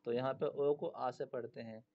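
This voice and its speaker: A man's voice: mid-range voice, steady tone, moderate pace. A man teaching a class, patiently spelling out words letter by letter and explaining how each one is pronounced. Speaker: English teacher. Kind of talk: classroom lesson explaining pronunciation. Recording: dull lo-fi recording.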